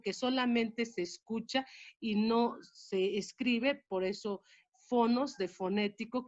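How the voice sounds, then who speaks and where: A woman teacher walks through a grammar lesson in a measured, explanatory way, leaning on key words. Her voice sits fairly high. The recording sounds dull and lo-fi.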